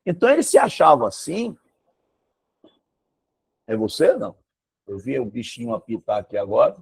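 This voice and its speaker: A man's voice: mid-range voice, moderate pace, creaky, slightly rough. A man with a Brazilian Portuguese accent teaching one student over a video call, talking emphatically and asking rhetorical questions. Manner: emphatic and animated, exclaims and asks rhetorical questions. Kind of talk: casual one-on-one lesson.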